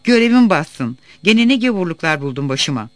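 A man voicing a flustered, sharp-tongued old village woman who scolds indignantly. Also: high voice, sing-song, normal speed, no echo.

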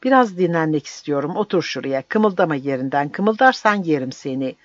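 A man voicing a cruel, mocking soldier who shouts and taunts, on a dull, dry recording. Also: on the high side, animated, moderate pace, no echo. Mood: gruff. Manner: jeering, shouting.

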